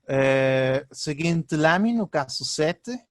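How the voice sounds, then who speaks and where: A male linguistics professor, lecturing through slides in a halting way, with many fillers and "ok?" checks. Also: fairly high pitch, expressive, no room sound.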